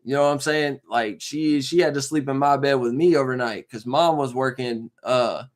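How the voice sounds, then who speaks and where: A man's voice: mid-range voice, normal speed. Twenty-something guy rambling on his live stream, slangy, loose, keeps saying you know what im saying. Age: 20s. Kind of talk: casual live-stream chat.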